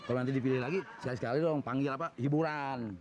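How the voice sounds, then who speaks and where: A man playing a visiting singer in a comedy sketch, trading quick, laughing replies. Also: mid-range voice, lo-fi sound, heavy background noise.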